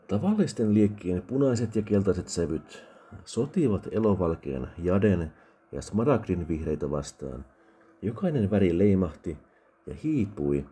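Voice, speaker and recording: A man reading a fantasy audiobook in a calm, soft ASMR narration style. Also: low voice, husky. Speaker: audiobook reader.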